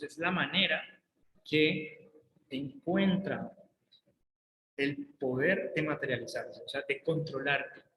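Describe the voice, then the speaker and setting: A man's voice: on the high side, a bit bright. Man lecturing in an echoey hall. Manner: explains with everyday examples, asks "¿vale?". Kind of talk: classroom lecture. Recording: echoey hall, faint noise.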